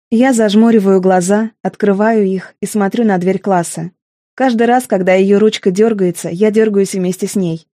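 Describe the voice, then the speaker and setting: A woman's voice: medium pitch, mellow, no room sound, studio quality. A woman narrating a first-person audiobook in an intimate, emotional manner.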